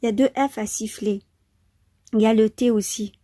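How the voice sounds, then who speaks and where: A woman's voice: fairly high pitch, flat delivery, a little fast, warm tone, no echo, clean studio sound. A woman teaching French spelling in an informal, chatty lesson, with frequent hesitations and enthusiasm. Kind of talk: informal vocabulary lesson, mixing French and Arabic.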